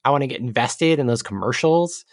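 A man's voice: medium pitch, expressive, a little fast, no room sound, studio quality. A man chatting casually as a podcast co-host about a video game, with a wry, jokey, ironic way of riffing.

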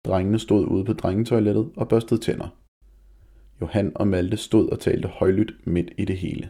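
A man reading a children's story aloud in a steady, calm narration. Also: fairly low pitch, slightly rough.

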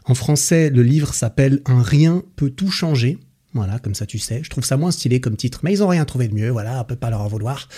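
Husky-voiced casual male podcaster. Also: medium pitch, expressive, fairly quick, dark tone. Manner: chatty and enthusiastic, slangy, frequent fillers. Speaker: podcast host. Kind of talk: casual book summary.

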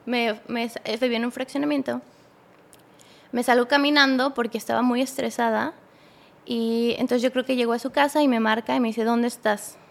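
Young Mexican woman, podcast guest, raspy-edged voice on the high side, halting, casual storyteller. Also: steady tone. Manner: halting, with many restarts and acted-out quotes.

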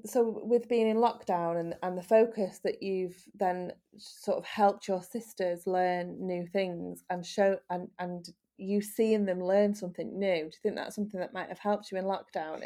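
Mellow-voiced woman gently interviewing. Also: mid-range voice, steady tone, normal speed, few pauses. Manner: gentle, encouraging, asks long leading questions. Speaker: host interviewing children. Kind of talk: casual podcast interview.

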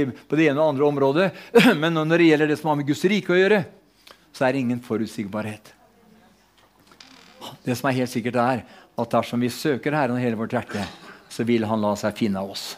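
A man preaching a fervent prophetic sermon, speaking in God's voice and calling out hallelujah. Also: a little high. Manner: fervent, speaks in the first person for God, exclaims hallelujah.

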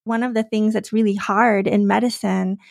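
Woman host, gravelly voice, candid and chatty, dry recording. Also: mid-range voice, fairly even intonation, normal speed, a little mellow, no room sound. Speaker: podcast host. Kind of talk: conversational interview.

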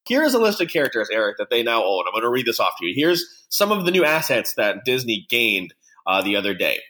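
Male podcast co-host, lively range, casual chat, restarts his phrases. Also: medium pitch, fast.

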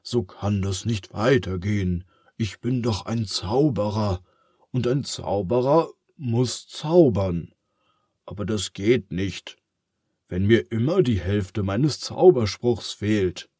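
A bumbling, forgetful wizard, as a man puts him on, in a somewhat raised, lively voice. He drags out his spell chants and sounds muddled, recorded close and dry. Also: lowish voice, takes it slowly, breathy edge, no echo, heavily acted. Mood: despairing. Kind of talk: storybook reading.

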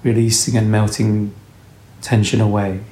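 A man with a low, mellow voice leads a meditation in gentle, soothing phrases, speaking very slowly and without hurry, with little pitch movement. The recording has a noticeable roomy echo and faint background noise.

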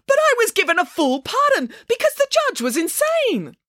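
A woman's voice: mid-range voice, sing-song, normal speed, a bit bright, dry recording, studio quality, pitched above the performer's own voice. A woman voicing a bossy, indignant female pig nanny in a children's storybook, with dramatic, emphatic declarations. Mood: protesting.

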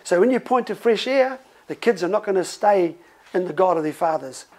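A man's voice: high-pitched, brisk, rough recording. A middle-aged male pastor preaching in a conversational, storytelling way. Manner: conversational, animated storytelling with laughs. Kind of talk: sermon.

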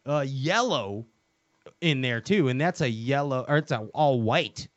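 Joking, rambling man with a lively voice. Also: medium pitch, measured pace. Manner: rambling, joking, many fillers and restarts. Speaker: host. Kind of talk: casual fishing chat. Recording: dull lo-fi sound.

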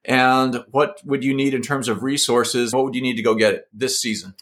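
A man hosts the conversation with a middle-pitched voice. He frames long, probing questions that come in several parts and pushes the guest for specifics. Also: fairly even intonation, normal speed, fairly bright tone. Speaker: interviewer. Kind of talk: interview questions.

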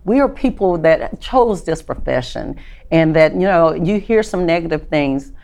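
A woman's voice: low voice, expressive, moderate pace, vocal fry, darkish tone. A retired woman law enforcement agent with a Tennessee Southern accent, telling her story in an interview with confident, upbeat emphasis. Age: older. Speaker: retired Secret Service agent, guest.

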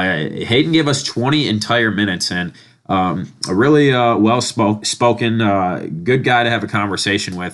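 A man hosts a hockey-style sports recap in a fairly deep voice. He sounds nasal and stuffy with a head cold, talking through results in a conversational commentary style. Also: fairly bright tone. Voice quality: nasal, congested. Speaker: sports podcast host.

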